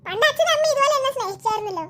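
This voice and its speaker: A woman voicing a wistful, high-pitched cartoon ghost. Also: lively intonation, very fast, pushed and bright, a little hiss or hum, full character voice. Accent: Malayali. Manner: wistful, brooding monologue. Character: lonely, softening ghost who scared a baby. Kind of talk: cartoon voice acting.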